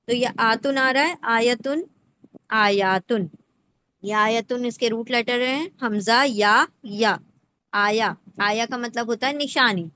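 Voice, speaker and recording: Woman, Quran word-by-word teacher, fairly high voice, faint hiss behind, keeps asking rhetorical checks. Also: pushed and bright. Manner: checks in often with rhetorical questions; breaks words into parts slowly. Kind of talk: explanatory lesson.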